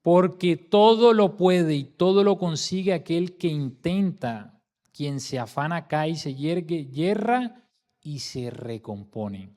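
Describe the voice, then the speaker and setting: A man's voice: a little high, very animated, slow pace, a little mellow. A man speaking earnestly and emphatically to an audience, giving a spiritual talk on self-improvement and repeating phrases for emphasis. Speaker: spiritist lecturer.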